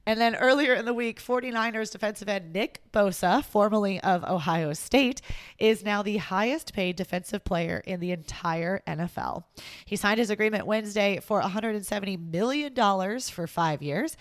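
Woman, sports news roundup, chatty and amused, mid pitch, dry close sound. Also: normal speed, no echo. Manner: chatty, amused, laughs between stories.

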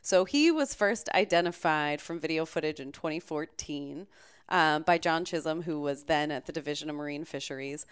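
A woman's voice: low-pitched, normal speed, smooth. A woman shark research scientist answering interview questions in a chatty, casual way, laughing easily and using many fillers.

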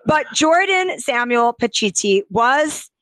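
A woman's voice: fairly high pitch, expressive, slow pace, fairly bright tone, dry recording. A woman hosting a beauty podcast, chatting in an effusive, rambling way with lots of fillers. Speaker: podcast host and beauty editor.

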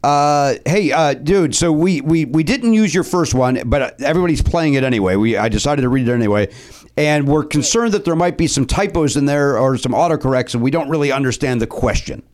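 A man's voice: a little high, animated, brisk, darkish tone. A man hosting a comedy podcast quiz, chatting casually and stumbling as he rereads questions. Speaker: podcast host, quizmaster.

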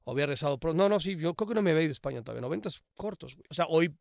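A man's voice: on the high side, expressive, very fast, creaky, a little mellow, no echo, clean studio sound. A man with a Mexican accent bantering casually on a podcast, chatty and crude, often jumping in on his co-host.

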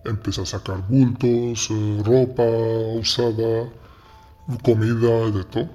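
Hombre con acento marroquí, habla entrecortado. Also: male voice, on the low side, steady tone, warm tone. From Morocco. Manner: halting, repeats words, asks "¿me entiendes?". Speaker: interviewee, former smuggler. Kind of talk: interview testimony.

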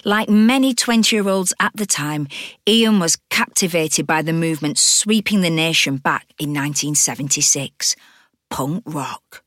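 Low-voiced woman narrating a documentary. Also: a bit bright, no room sound, clean studio sound. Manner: measured, deliberate.

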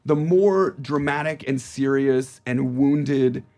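A man in his forties, an actor guest in a casual chat, telling animated stories with a gravelly, husky voice. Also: medium pitch, slow. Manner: animated storyteller, acts out quotes.

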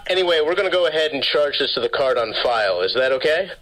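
A man with a fairly high, animated voice talks fast against a noisy background, pretending to call from a phone company. His pitch is scripted and repetitive, and the garbled line keeps breaking up.

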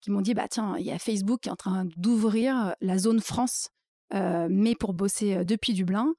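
A woman's voice: mid-range voice, moderate pace, warm tone, no echo, studio quality. A woman guest in a casual interview, telling her career story with many fillers and acting out her own inner thoughts.

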